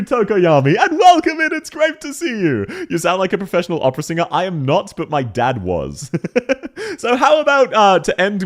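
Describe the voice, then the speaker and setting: A man streaming live, chatting casually with his chat in an excitable way, with a deep, soothing voice. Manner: excitable, lively, laughs often, greets chat.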